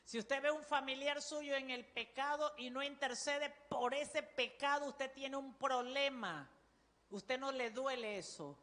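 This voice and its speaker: A woman pastor with a Panamanian Spanish accent, preaching a sermon in a loud, forceful voice that calls on the congregation to repeat after her. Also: sits high, unhurried, long reverb tail.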